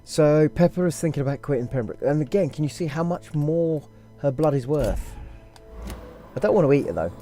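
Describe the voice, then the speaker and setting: A man's voice: fairly high pitch, animated, normal speed, mellow. A man giving casual gameplay commentary, thinking aloud and rambling with restarts. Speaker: let's play gamer. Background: game music.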